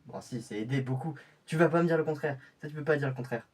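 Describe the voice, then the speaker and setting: A man's voice: fairly high pitch, quick pace, darkish tone, far from the mic, lightly acted. A man playing a stammering young infiltrator. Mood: irritated. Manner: stammering, restarting sentences. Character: young male infiltrator preparing a covert mission. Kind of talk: amateur web drama acting.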